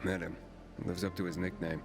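A man voicing a terse, gruff male survivor hero in a video game, speaking in clipped short lines. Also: low-pitched, little pitch movement, extremely slow, soft background music, full character voice. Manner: clipped and laconic.

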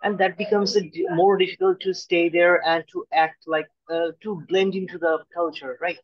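A young man with a fairly high voice asks questions as a casual interviewer, in a halting manner. The video-call sound is dry, dull and lo-fi. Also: steady tone, no room sound. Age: young adult. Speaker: interviewer, host.

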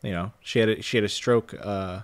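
Man, lower voice, review podcast co-host, loose and casual, lots of filler words. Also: a little fast, smooth. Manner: casual, heavy use of "like" and "you know". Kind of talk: casual film review chat.

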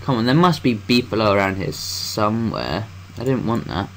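A man's voice: fairly low pitch, sing-song, normal speed, slight background noise. Chatty young man narrating gameplay. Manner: rambling self-talk, swears freely. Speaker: gameplay commentator. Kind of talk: let's play commentary.

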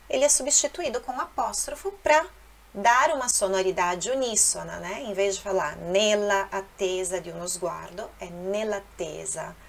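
A woman with a Brazilian Portuguese accent gives an Italian lesson, her voice carrying a gravelly edge of fry. She explains pronunciation patiently and drawls single words again and again so learners can imitate them. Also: mid-range voice. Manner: patient, repeats sounds slowly for imitation. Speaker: Italian teacher.

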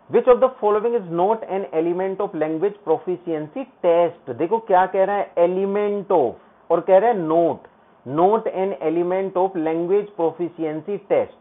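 A man with a fairly high voice teaches a live online exam-prep class. He reads English questions slowly, breaks them down in Hindi, and names his students as he praises them. The sound is tinny and narrow, like a phone line.

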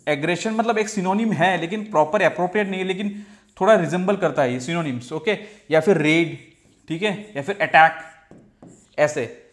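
A man with an Indian accent teaching English vocabulary, mixing Hindi with slowly drawn-out English definitions and often saying "theek hai" and "okay". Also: high-pitched. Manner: drawls when reading English definitions. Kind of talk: explaining vocabulary from slides.

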